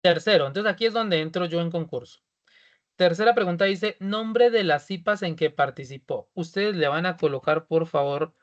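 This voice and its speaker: A man's voice: on the high side, muffled recording. Patient man guiding an online class. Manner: patient, repeats each step, asks if everyone is ready. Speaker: teacher.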